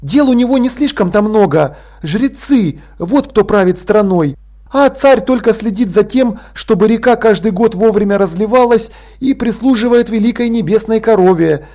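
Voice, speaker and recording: A man voicing an awkward young prince at school who talks hesitantly and a little gruffly. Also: high-pitched, animated, moderate pace, a little mellow, voice pushed up.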